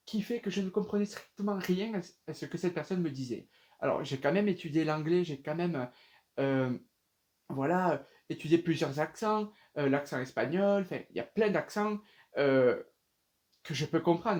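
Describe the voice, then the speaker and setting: A man's voice: fairly high pitch, a little mellow. A young man casually telling a personal story to viewers, rambling with many fillers and restarts. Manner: addresses viewers directly.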